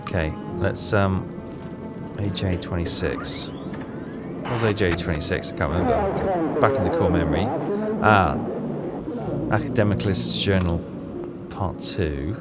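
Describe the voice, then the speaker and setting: Over game music, a man with a deep voice and lively intonation offers casual gameplay commentary at an unhurried pace. He thinks aloud tentatively, questioning his own choices as he plays.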